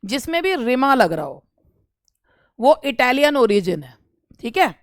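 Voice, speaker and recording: An Indian woman tutor talks through exam questions, slow and patient. Her voice sits high and sounds smooth and clear. The sound is close and dry, with no room echo. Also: very animated. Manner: explains slowly in Hindi mixed with English terms. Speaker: English literature exam tutor. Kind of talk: online exam-prep lesson.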